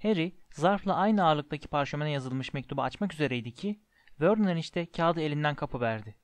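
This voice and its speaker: A man narrating a story in a measured, expressive reading. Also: on the high side, no room sound. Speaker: audiobook narrator.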